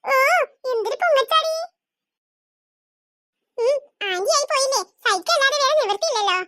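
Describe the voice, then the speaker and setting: Cartoon role: voiced by one performer as a chatty, teasing young bride, very high and bright. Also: lively intonation, normal speed, no room sound, exaggerated voice. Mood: annoyed aside. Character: kind young bride, cheerful adult woman. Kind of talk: Malayalam cartoon voice acting.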